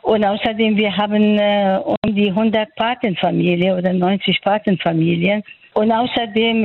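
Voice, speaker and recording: A woman's voice: medium pitch, dry recording. An older woman from Afghanistan with an Afghan accent, a doctor talking in a hesitant way with many fillers as she searches for words. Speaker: doctor interviewed on radio. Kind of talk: phone interview. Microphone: phone. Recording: dry tinny phone line.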